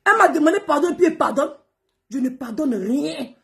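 This woman, a social media personality, berates her followers in an angry direct-to-camera rant, frequently saying the same things over. Her high voice is expressive, fairly bright, and creaky, and she talks a little fast.

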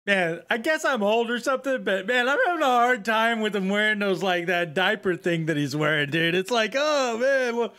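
Older male reaction host: bright, high-pitched, loose and expressive, informal. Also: moderate pace, hardly any pauses, soft background music. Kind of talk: casual reaction commentary. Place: small home room. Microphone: close microphone on a boom arm.

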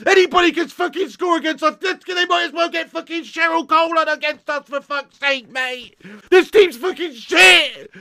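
Shrill, gravelly football fan ranting. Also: male voice, dry recording, clean studio sound. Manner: ranting, swearing heavily, bursts into shouts. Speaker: football fan hosting a match watchalong. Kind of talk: live match reaction rant.

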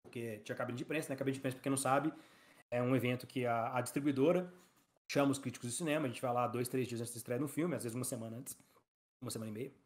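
A man, a company founder as a podcast guest, telling stories in an animated, slangy way. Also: medium pitch. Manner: fast, animated storytelling with slang. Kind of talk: casual interview chat.

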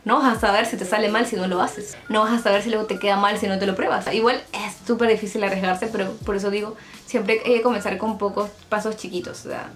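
A young woman with a Peruvian accent speaks in a casual, confessional vlog from her bedroom at home. She keeps up a chatty, confiding tone with joking asides as she paints her nails. Her pitch is average for a woman, and faint music plays underneath. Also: fairly even intonation, fast talker, few pauses. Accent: Peruvian Spanish. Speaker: vlogger.

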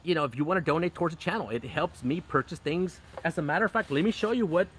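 A man's voice: fairly high pitch, fast, fairly bright tone, husky. Chatty middle-aged man on a live stream. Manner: chatty, frequent fillers and restarts, bursts of laughter. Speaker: fishing channel host. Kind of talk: casual live stream chat. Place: outdoors in a backyard under a canopy. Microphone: phone camera close up.

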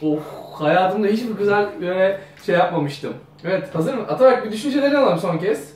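A young man with a high voice teases in casual banter. He sounds a little away from the mic in a very echoey room. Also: lively intonation, fast, a little mellow, recorded from a distance. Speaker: challenge video contestant.

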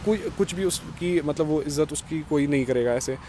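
Holding a handheld mic, an interviewer questions a 21-year-old restaurant owner from Kashmir in a village courtyard. The young man replies earnestly at a moderate pace in a slightly high voice, blending in English phrases, with background noise audible.

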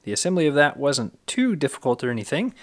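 A man in his thirties casually walking viewers through a bedroom project, relaxed and chatty with many fillers, filmed on a handheld camera in a small carpeted room. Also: on the high side, quick pace. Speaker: home renovation vlogger. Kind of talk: casual walkthrough talking to camera. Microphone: handheld camera at arm's length.

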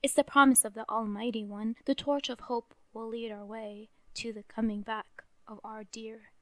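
A woman performing a spoken word poem in a rhythmic, rhyming delivery, dropping at times to a soft whisper. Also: fairly high pitch, level tone, moderate pace, dry recording, low-quality recording.

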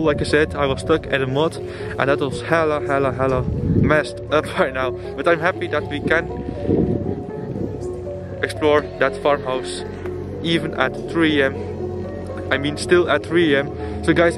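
Higher-pitched young male vlogger with music behind. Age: young adult. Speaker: vlogger, urban explorer. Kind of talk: casual exploration vlog. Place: abandoned farmhouse at night. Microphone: handheld camera at arm's length.

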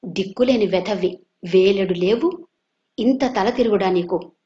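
A woman's voice: a little high, moderate pace, a little mellow, close to an everyday voice. A woman doing a stern, scolding middle-aged uncle. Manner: scolding, harsh. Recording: dull lo-fi recording.

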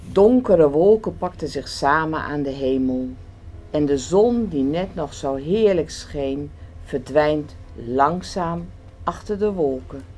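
A woman reading a children's picture book aloud, gentle and expressive. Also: deep voice, slow, slight background noise. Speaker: storyteller.

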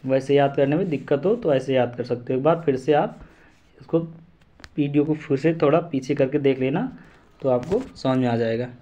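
A man's voice: mid-range voice, normal speed, dark tone, dull audio. A man teaching an exam-prep lesson, repeating syllables and memory rhymes aloud to drill them in.

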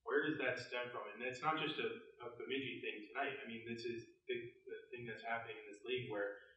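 A man's voice: medium pitch, fairly even intonation, a little fast, pushed and bright. A man asking a coach questions at a postgame press conference, recorded from off the main mic. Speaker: reporter. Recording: distant, roomy, dull off-mic sound.

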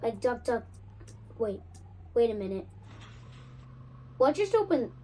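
A young woman giving casual game commentary, excitable and jumpy, swinging from nervous mumbles to loud surprised outbursts. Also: a little high, slow pace, poor audio. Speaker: gaming channel host.

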